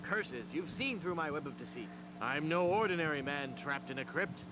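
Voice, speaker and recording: An actor playing a hapless, earnest young adventurer and glib bluffer in a cartoon adventure game, theatrical and wry. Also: male voice, on the high side, expressive, normal speed, background noise, lightly acted. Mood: bluffing, sheepish.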